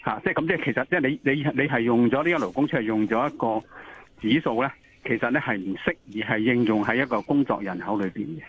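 A man's voice: medium pitch, fast. Male expert interviewee on a thin, slightly noisy phone connection, Hong Kong Cantonese accent, instructive, repeats key points. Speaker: interview guest, occupational health expert. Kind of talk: explanatory interview answers. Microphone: telephone call. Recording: tinny phone line with noise.

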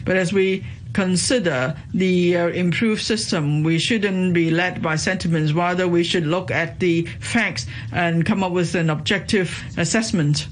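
A man speaking as a live interpreter, rendering a politician's remarks in a measured way with pauses and fillers. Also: high voice, a little hiss or hum.

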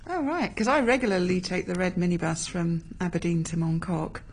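A woman's voice: fairly low pitch, a little fast, husky. A woman hosting a long-running programme, asking friendly, probing interview questions. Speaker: radio programme host. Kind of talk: conversational interview.

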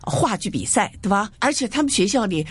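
A woman's voice: mid-range voice, fairly quick, breathy edge. A woman co-hosting as a Mandarin teacher, commenting casually and often adding tag questions. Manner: animated, uses tag questions.

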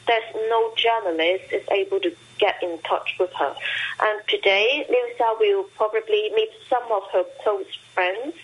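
A woman correspondent with a husky voice, giving a scripted news report. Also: medium pitch, rough recording.

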